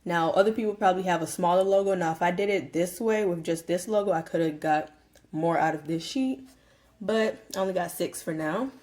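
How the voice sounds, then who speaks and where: A woman's voice: on the low side, fairly quick, a little mellow. A young woman casually explaining a do-it-yourself craft project at home, talking to viewers in a chatty way with lots of fillers. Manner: chatty, filler-heavy, addresses viewers as y'all and you guys. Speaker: small business owner. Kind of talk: casual tutorial vlog. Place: home room.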